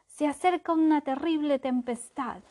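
A woman's voice: high-pitched, normal speed, warm tone, pitched above the performer's own voice, natural voice. A woman voicing a male ship captain in a children's story who always answers in rhyme. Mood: alarmed. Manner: rhyming, theatrical.

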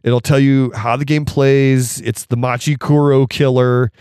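A man hosting a board game podcast, hoarse and raspy from a cold, talking casually and with a lot of enthusiasm. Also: medium pitch, flat delivery, a little slow, a little mellow, no room sound, clean studio sound. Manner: enthusiastic, laughs often. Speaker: podcast host reviewing board games.

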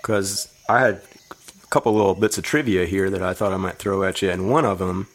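A man with a low voice trades movie trivia in relaxed podcast banter. His humor is dry and teasing, and he sets up questions for his co-host. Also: a little fast. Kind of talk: casual movie-review chat.

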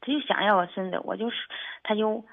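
A woman calling in to a radio advice show, telling her story haltingly with many restarts. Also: medium pitch, dry recording. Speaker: caller. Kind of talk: radio call-in, telling a personal problem. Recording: phone-line call on radio.

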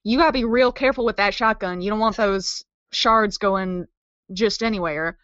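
A woman playing a tabletop game, planning moves in casual, halting, slangy chat. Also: medium pitch, fairly bright tone, no room sound, highs cut off.

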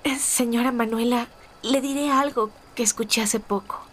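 Manu, polite higher-voiced young confidante. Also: female voice, fairly even intonation, normal speed, a bit bright. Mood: understanding. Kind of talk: audio drama acting.

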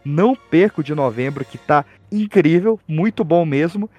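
A man's voice: fairly high pitch, lively intonation, moderate pace, a little mellow, muffled recording, faint music behind. A young man with a Brazilian accent, talking casually and animatedly as a podcast guest, with slangy informal phrasing. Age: young adult.

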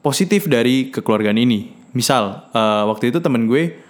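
A man's voice: medium pitch, expressive, normal speed. A man hosts a casual solo podcast and rants bluntly, swearing freely. He mixes English words into his talk. He often repeats himself and restarts his sentences. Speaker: podcast host.

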